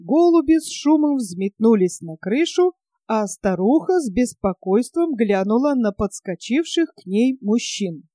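A woman's voice: a little high, big pitch swings, unhurried, mellow, dry recording. Woman reading a story aloud. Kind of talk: storybook narration.

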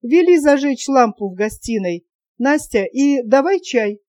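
A woman's voice: high-pitched, expressive, measured pace, dark tone, dry recording. A woman voicing a talkative, self-satisfied wealthy lady in a storybook reading, chatty and coquettish.

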